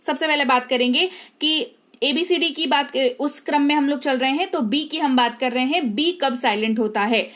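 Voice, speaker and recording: High-voiced woman teaching English. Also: normal speed, fairly bright tone. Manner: patient, stresses words by repeating them. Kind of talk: online spoken-English lesson.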